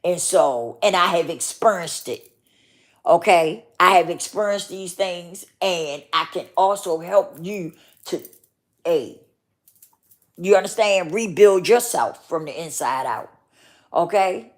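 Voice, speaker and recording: A vlogger with a lowish voice speaks directly to her listeners in an earnest, motivational heart-to-heart, taking it slowly. She repeats herself for emphasis and keeps checking in with "okay?" and "right?".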